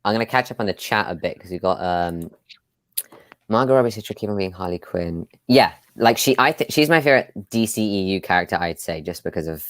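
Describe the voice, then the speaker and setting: Low-voiced man hosting a casual live chat. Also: lively intonation, a little fast, dry recording. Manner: chatty, many fillers, laughs often. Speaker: host. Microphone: video call.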